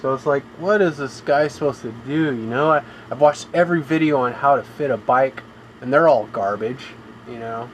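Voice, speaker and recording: A man's voice: medium pitch, normal speed, slight background noise, low-quality recording. Male game streamer, rambling and complaining, mid-range voice. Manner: rambling, complaining, fills with "you know". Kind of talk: live gameplay commentary.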